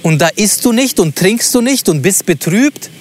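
A man voicing a gentle biblical husband who pleads with his wife in earnest, coaxing questions. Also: a little high, unhurried, close to an everyday voice. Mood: pleading.

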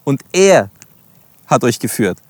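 A man's voice: mid-range voice, very animated, takes it slowly, no echo. Man, preacher, Bible sermon, reads verses and stresses words, dry close sound. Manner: reads scripture aloud and explains it, stressing single words; addresses listeners directly and politely.

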